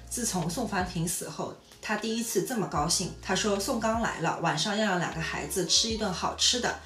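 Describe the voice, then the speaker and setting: A woman's voice: brisk, reverberant, soft background music. A woman co-hosting a podcast, reading a novel aloud in a storytelling way with casual asides. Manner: reads steadily, laughs often, lively pitch on quoted lines.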